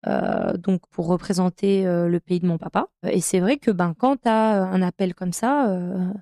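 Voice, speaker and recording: Here a woman in her thirties, a professional handballer from France, describes her career in a podcast interview at a measured pace, her voice on the low side. She hesitates a lot and leans on fillers while sounding warmly enthusiastic, with no room sound and studio quality.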